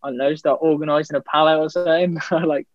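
Laid-back young english guy, higher voice, lots of fillers, dry dull lo-fi audio. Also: steady tone, quick pace, no echo. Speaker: podcast guest. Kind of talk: casual chat.

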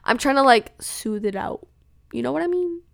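A young adult woman with a high-pitched Valley Girl voice, chatting casually as a solo podcast host and peppering her talk with filler words. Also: expressive, normal speed, vocal fry, no echo, clean studio sound.

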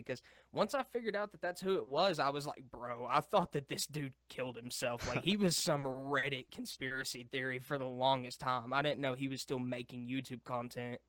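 A man's voice: medium pitch, moderate pace, fairly bright tone, dry recording, studio quality. A young man co-hosting a casual podcast, rambling and swearing, laughing often as he tells stories. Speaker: podcast co-host. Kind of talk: casual chat.

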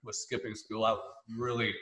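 A man's voice: on the low side, level tone, normal speed, sharp tone. Southern-twanged young man, roomy sound. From Memphis, southern United States. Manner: folksy, joking, informal. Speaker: podcast guest, real estate investor. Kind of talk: casual anecdotal interview talk.

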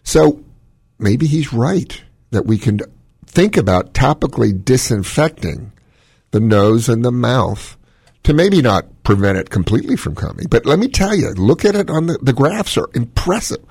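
With a sing-song lilt and a darkish tone, a cardiologist radio host speaks in a smoky, gravelly mid-range voice at a moderate pace. He takes calls and delivers long, opinionated explanations, captured in a dry, clean studio recording.

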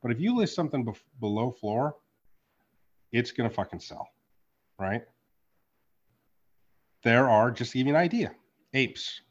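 A man hosting a casual podcast chat, animated and profane, swinging from loud outbursts to low asides. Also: a little slow, long pauses, lo-fi sound. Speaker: podcast host and card artist.

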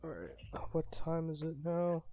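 A man hosting a podcast in casual chat, teasing and telling stories in a relaxed way. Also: on the high side, unhurried. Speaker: podcast host.

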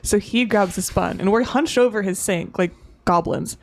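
A woman's voice: medium pitch, normal speed, gravelly. A young woman, a podcast guest, telling a funny story in casual chat. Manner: animated storytelling, laughing at her own stories.

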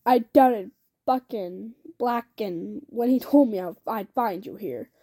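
A grim, otherworldly tall man from a storybook, read aloud by a woman. His lines come solemn and measured in a mellow, fairly high voice. He sounds stern and strange. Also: dry recording, lightly acted. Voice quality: oddly accented.

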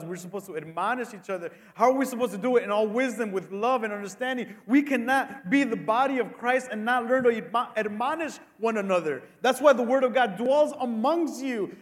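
A man preaching a sermon as a pastor, emphatic and colloquial, leaning on rhetorical questions and repeated phrases. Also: extremely high pitch. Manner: colloquial asides, acting out dialogue. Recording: long hall reverb.

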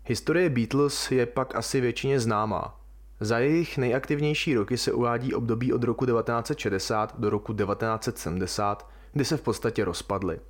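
A man hosting a podcast, talking through a subject alone in an informal, colloquial, musing way. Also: mid-range voice. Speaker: podcast host. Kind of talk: casual podcast monologue.

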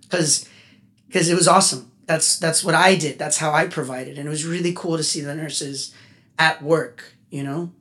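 A man, a musician guest on a casual podcast interview, talking in an animated, chatty way that turns heartfelt. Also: fairly high pitch, normal speed. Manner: animated, talkative, gets emotional.

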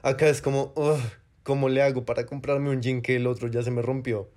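A man's voice: medium pitch, level tone, brisk, a little mellow. A man, chatting frankly and casually on a podcast.

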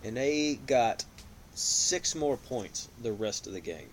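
A man co-hosting a casual fantasy football podcast, telling stories in an animated, exasperated way. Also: medium pitch, slow pace, slight background noise. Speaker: podcast co-host.

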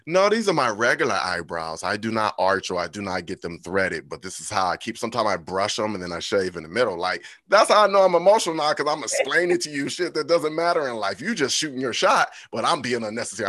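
A man hosts a podcast in a loose, conversational way, telling animated stories and leaning on "like" as he talks. His voice sits low, and the recording is dry and close, with no room sound. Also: no echo. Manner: animated storytelling, repeats "like". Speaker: podcast host. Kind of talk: casual chat.

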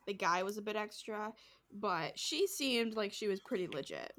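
A woman's voice: mid-range voice, moderate pace. Chatty woman recapping a ghost show. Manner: animated, acts out quotes, swears casually. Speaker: podcast co-host. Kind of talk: casual chat recapping a show.

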